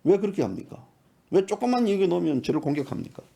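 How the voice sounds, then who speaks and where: Man in his fifties, journalist and commentator, heated monologue, high and swooping voice, gravelly edge. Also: big pitch swings, quick pace, mellow. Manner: fiery, fires off rhetorical questions. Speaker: independent journalist and online commentator.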